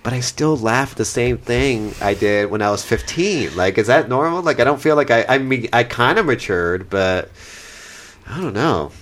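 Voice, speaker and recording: A man's voice: normal speed, a little hiss or hum. A man in his thirties hosting a podcast, chatting casually and rambling with frequent laughs. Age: 30s. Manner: rambling, laughing, animated with big pitch jumps. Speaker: podcast host.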